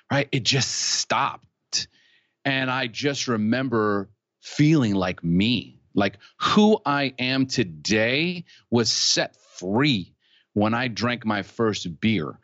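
A middle-aged man from California, United States, appears as a podcast guest and frankly tells his own story with plenty of feeling, animated and quick to laugh. His medium-pitched voice comes through a dry recording with a dull lo-fi sound.

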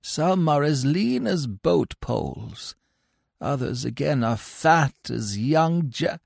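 A man voicing an old, hypocritical male crocodile who speaks gently and preachily, drawing out his words. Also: a little high, very animated, slow, vocal fry, dry recording, studio quality, pitched above the performer's own voice, full character voice. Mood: sanctimonious.

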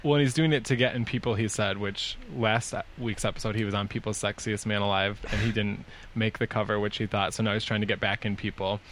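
A man's voice: on the low side, steady tone, fast talker, hardly any pauses, fairly bright tone, a little hiss or hum. A man co-hosting a casual TV recap chat. He is easygoing and laughs along as he explains the plot. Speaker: aftershow co-host.

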